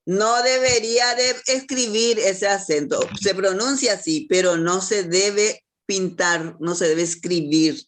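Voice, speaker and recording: A woman teaches a language class in an unhurried, deliberate way, with a voice of ordinary middle pitch. She quizzes her pupils one by one and answers them with praise. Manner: asks questions and praises answers. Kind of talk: classroom instruction.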